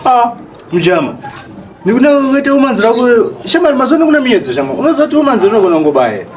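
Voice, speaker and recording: Comedy skit buddy played by a man: pushy, street-smart Zimbabwean guy, slangy, high-voiced, very lively pitch. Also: very fast, a crowd in the background. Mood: urging.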